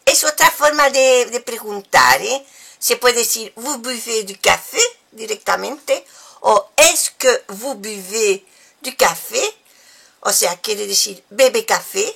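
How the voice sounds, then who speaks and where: An older woman teaching with patient explanations, repeating example phrases slowly. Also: on the high side, lively intonation, creaky, fairly bright tone, husky. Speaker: language teacher.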